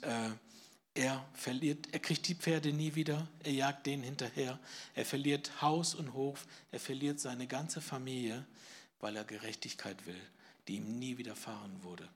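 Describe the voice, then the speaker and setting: A man preaching a sermon to a live congregation, swinging from hushed whispers to loud emphasis and putting questions to his listeners. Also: medium pitch, breathy edge. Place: church service, in front of a congregation.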